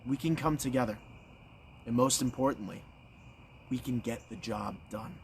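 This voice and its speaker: A young American man giving a folksy campaign stump speech as a candidate, earnest and emphatic, in short phrases with deliberate pauses. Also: mid-range voice, vocal fry, slight background noise. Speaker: political candidate.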